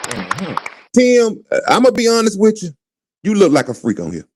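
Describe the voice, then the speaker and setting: A man commentating on a live stream in an animated, mocking way. His pitch sits a bit high and swings widely as he repeats lines for effect. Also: normal speed, over a noisy crowd, heavy background noise.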